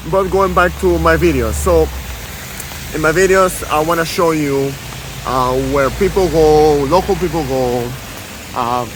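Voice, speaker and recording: A man's voice: a little high, a little slow. A man raised in Venezuela chatting casually as a travel vlogger, rambling with many fillers and restarts, filming himself outdoors on a handheld camera under an umbrella. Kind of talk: casual walking vlog. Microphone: handheld camera held close. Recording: rain noise on outdoor camera mic. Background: rain falling.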